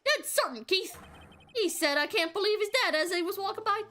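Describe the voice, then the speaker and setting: A woman's voice: extremely high pitch, animated, fairly quick, pushed and bright, pitched above the performer's own voice, full character voice. A woman voicing an elderly male boat-rental witness with a put-on Southern accent and a folksy drawl. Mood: insistent.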